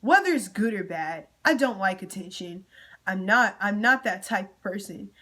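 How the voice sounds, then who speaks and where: A woman's voice: mid-range voice, animated, normal speed, pushed and bright. A young woman venting in a storytime vlog, emotional and close to tears at times, talking straight to her viewers with casual slang. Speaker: vlogger.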